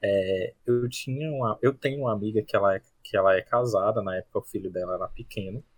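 A man on a podcast telling a story in a lively, anecdotal way during a casual chat. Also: on the low side, quick pace, no echo. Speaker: podcast co-host.

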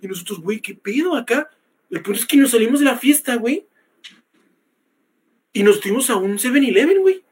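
A man's voice: very high-pitched, lively intonation, a little fast, pauses often, breathy edge. A young man with a Mexican accent, co-hosting a podcast and telling a story in casual, slangy chat, acting out the quotes. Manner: slangy, peppers lines with "güey", acts out quotes. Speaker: podcast co-host.

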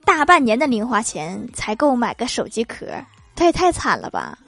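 A woman hosting a comedy podcast, reading jokes in a lively storytelling voice and laughing along. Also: on the high side, moderate pace, noisy background. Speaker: podcast host.

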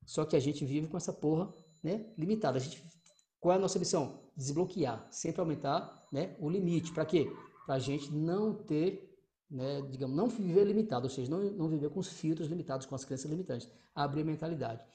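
A man with a Brazilian accent giving an energetic motivational talk as a coach, emphatic, repetitive and swearing freely, asking rhetorical questions. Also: fairly high pitch, fairly quick. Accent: Brazilian Portuguese. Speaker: motivational coach for exam candidates.

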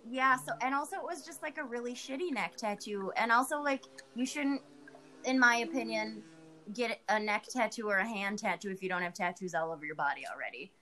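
A woman's voice: fairly high pitch, quick pace, few pauses, sharp tone. A woman co-hosting a casual chat, telling candid, crude dating stories and laughing often.

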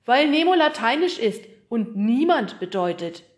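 A woman voicing an easygoing, dreadlocked male postman in an audiobook, chummy and loud. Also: fairly high pitch, sing-song, unhurried, voice pushed up.

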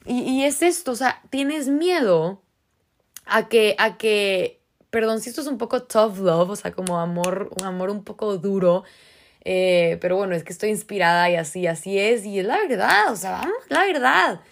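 A woman's voice: mid-range voice, lively intonation, moderate pace. A woman with a Mexican accent hosting a podcast, giving an earnest, impassioned motivational talk in casual slang, with frequent restarts. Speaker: podcast host.

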